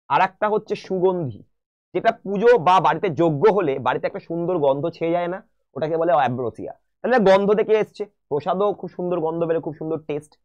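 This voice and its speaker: A man's voice: sits high, muffled recording. A man teaching an English exam-prep class online, asking his students question after question and mixing English terms into his explanations. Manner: animated, asks the students many questions.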